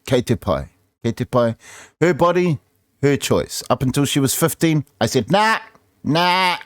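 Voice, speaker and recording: A man's voice: mid-range voice, animated, normal speed, dry recording, clean studio sound. A middle-aged man with a Māori New Zealand English accent, hosting an informal, opinionated radio-style show in a blunt, colloquial, sweary way.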